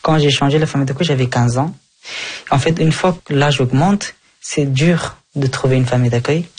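A young man from Afghanistan talks calmly about his past in an interview. His voice is husky at a middle pitch, and his speech is careful, with fillers and frequent self-corrections. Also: normal speed. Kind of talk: calm personal account.

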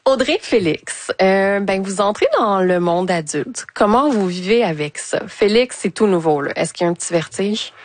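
A woman with a Québécois accent hosting a radio talk show in a studio, lively and laughing lightly as she questions her guests. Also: medium pitch, moderate pace, few pauses. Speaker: radio host.

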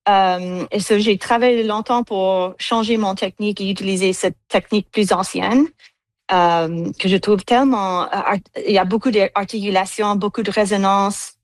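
Here a cellist from the United States, a woman with an English accent, answers interview questions as a guest in French. Her mid-range voice is steady and moderately paced on a dry recording, though she hesitates often, uses many fillers, and drops in English words.

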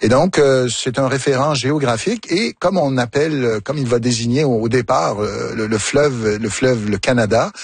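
A man, a historian guest on a radio show, explaining thoughtfully with pauses. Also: mid-range voice, breathy edge, no room sound. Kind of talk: radio interview. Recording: dry, close studio mic.

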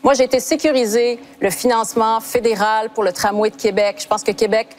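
A woman's voice: on the high side, fairly even intonation, a little fast. A woman, a party leader in a televised debate who lists her record.

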